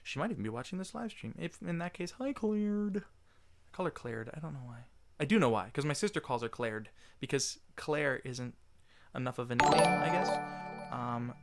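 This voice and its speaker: A man's voice: mid-range voice, lively intonation, fairly quick, a bit bright, faint music behind. A man hosting a casual livestream Q&A, chatting loosely and reading viewer messages aloud. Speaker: livestream host answering chat.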